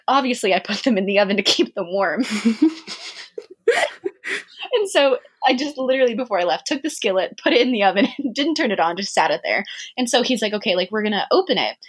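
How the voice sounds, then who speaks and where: Husky woman telling a story. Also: mid-range voice. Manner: animated, laughs often, says "like" a lot. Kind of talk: casual storytelling chat.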